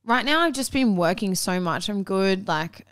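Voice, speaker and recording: A woman's voice: medium pitch, expressive, fairly bright tone, clear, resonant tone, dry recording, clean studio sound. A woman, co-hosting a casual podcast chat, talking freely and swearing often. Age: 20s. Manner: chatty, swearing, quick laughs. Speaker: podcast co-host.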